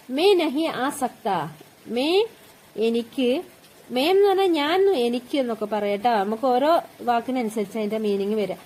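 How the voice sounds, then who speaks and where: A woman's voice: on the high side, darkish tone. A woman teaching spoken phrases, repeating each one and explaining it word by word. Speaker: language teacher. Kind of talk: teaching Hindi phrases with Malayalam meanings.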